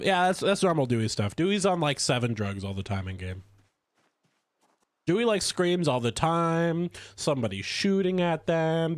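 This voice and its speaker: A man chatting casually while streaming a game, stuffy from a cold, rambling with lively swings in pitch. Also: dry recording, clean studio sound. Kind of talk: casual gameplay commentary.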